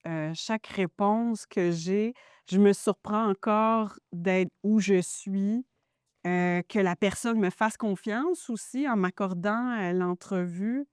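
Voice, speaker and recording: A woman speaks in a relaxed interview, thoughtful and eager as she searches for her words. Her voice sits at a middle pitch. The recording is dry and close, with little room sound. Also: smooth, no echo. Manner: reflective and enthusiastic, many hesitations. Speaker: radio journalist and host, interview guest. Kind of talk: casual interview conversation. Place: radio studio.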